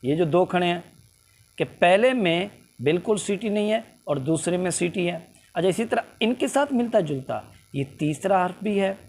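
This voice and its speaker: A man teaching a tajweed lesson, explaining slowly and drawing out letter sounds to demonstrate them. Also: high-pitched, animated, vocal fry, a little mellow. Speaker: Quran recitation teacher.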